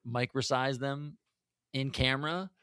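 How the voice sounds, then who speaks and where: A man co-hosting a casual podcast, chatting in an animated way and laughing often. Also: medium pitch, normal speed, clear, resonant tone, dry recording, studio quality. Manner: animated, laughs often, acts out quoted lines. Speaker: podcast co-host. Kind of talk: casual retrospective chat.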